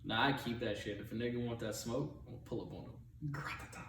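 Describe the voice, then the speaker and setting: A man's voice: mid-range voice, brisk, a bit bright. A man hosting a casual chat, loose and joking, with profane slang. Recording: roomy, distant mic, faint noise.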